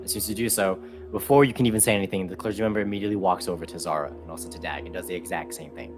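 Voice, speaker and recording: A deep-voiced man runs a tabletop game as dungeon master, narrating in a halting way with frequent ums and uhs. Music plays clearly underneath him.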